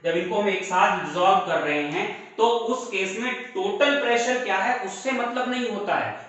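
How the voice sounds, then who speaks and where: A man teaching a chemistry lesson in a high, bright voice. He slows right down to dictate definitions word by word and calls his students "beta". His voice rings around a very echoey room. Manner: addresses students fondly as "beta". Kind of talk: classroom lesson in Hindi with English terms.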